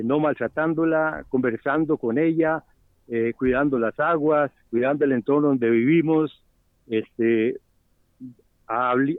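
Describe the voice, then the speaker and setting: A man's voice: mid-range voice, no echo. A man with a Costa Rican Spanish accent, an organic farmer speaking as an interview guest, earnest and reflective. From Costa Rica. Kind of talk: phone interview. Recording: dry tinny phone line.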